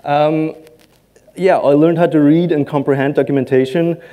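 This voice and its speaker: His voice is a little high and warm, with fairly even intonation. A native Serbo-Croatian speaker in his thirties, he gives a halting conference talk from a large stage, filled with ums and self-deprecating asides.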